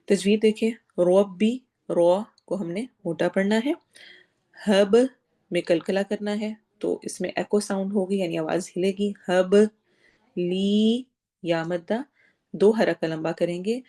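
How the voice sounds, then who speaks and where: A woman teaching Quran recitation. She explains patiently step by step and draws out each word slowly when she demonstrates it. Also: mid-range voice, steady tone, dark tone.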